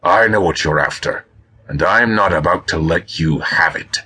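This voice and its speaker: A man's voice: low-pitched, normal speed, sharp tone, breathy edge, heavily acted. A man voicing a proud, hostile male harpy warrior with a rugged, hissing voice, suspicious and contemptuous. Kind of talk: audiobook character reading.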